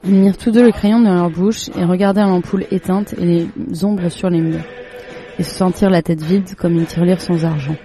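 Mellow-voiced storyteller reading aloud. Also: mid-range voice, moderate pace. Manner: calm, steady narration.

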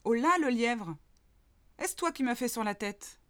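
A woman's voice: lively intonation, unhurried, a bit bright. A woman voicing an indignant little female mole in a children's storybook reading, grumbling and demanding answers. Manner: shrill, complaining, demanding.

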